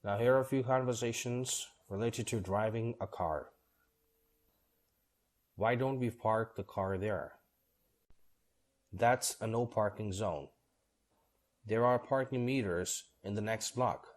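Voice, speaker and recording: A man reading both parts of short scripted dialogues for English learners, steady and measured. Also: fairly low pitch.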